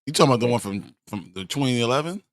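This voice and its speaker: A man's voice: mid-range voice, lively intonation, very fast, no room sound, clean studio sound. A young man co-hosting a live pop-culture show, easygoing and enthusiastic. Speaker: co-host of live nerd news show. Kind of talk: casual chat.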